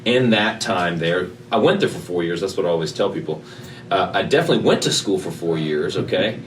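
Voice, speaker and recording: Deep-voiced man, relaxed rambling interview. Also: a little fast. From born in Japan, raised in Texas. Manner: relaxed, rambling, frequent fillers. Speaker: political candidate. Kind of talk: casual interview talk. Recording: faint ambient noise, slightly distant mic.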